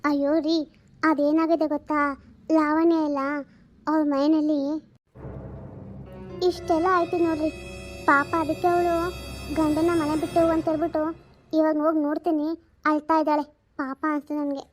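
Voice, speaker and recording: A chatty housewife scolds, gossips and frets in a homely comedy sketch, as a woman plays her. Her voice sits very high, and she swings easily into nagging. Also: flat delivery, moderate pace, pauses often, faint music behind, lightly acted. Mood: emotional.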